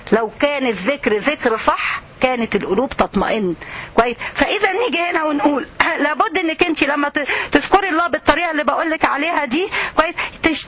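High, bright, fast Egyptian woman preacher. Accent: Egyptian Arabic. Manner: emphatic, asks the listeners "right?" again and again. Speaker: religious teacher. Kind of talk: religious lesson to women.

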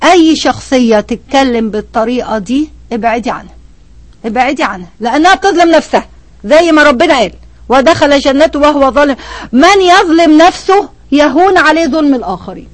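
A woman's voice: high-pitched, animated, fairly quick, dry recording. An older woman with an Egyptian Arabic accent giving a religious lesson to women, emphatic and full of rhetorical questions aimed straight at her listeners. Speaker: religious teacher.

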